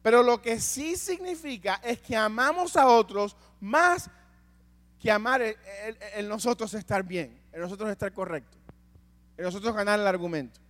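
A man preaching a sermon, asking the congregation rhetorical questions and swinging between loud passages and hushed ones. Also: sits high, moderate pace, big-room sound.

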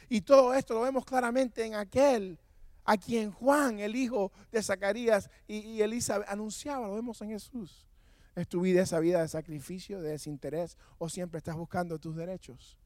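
Pastor, male, high voice, fiery sermon delivery, dry close sound. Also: no room sound. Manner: passionate, shouting at times; storytelling with self-mocking humor. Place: church, speaking from the altar.

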